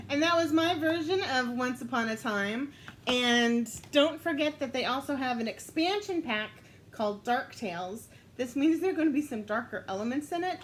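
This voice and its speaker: A woman telling a story aloud while playing a storytelling card game, unhurried and thinking aloud, often breaking into laughter. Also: high-pitched, lively intonation, slight background noise, rough recording. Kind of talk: casual storytelling game play.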